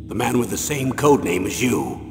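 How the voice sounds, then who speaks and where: An actor playing a stern, insistent veteran colonel with a gravelly voice, giving an authoritative military mission briefing in a video game. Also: male voice, medium pitch, expressive, natural voice. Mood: grave, informative. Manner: measured, authoritative briefing delivery. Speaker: commanding officer. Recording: long reverb, music behind. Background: music.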